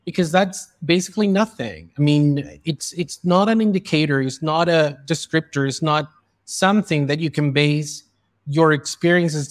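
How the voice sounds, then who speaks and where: In Spain, a man hosts a conversational podcast interview, speaking earnestly in long, flowing sentences that he often restarts. His voice is fairly high, and the studio-quality recording is dry.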